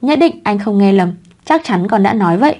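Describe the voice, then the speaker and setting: Woman narrator doing a teasing young husband, mellow low-key read, no real voice change. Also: expressive, brisk, natural voice. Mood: indignant.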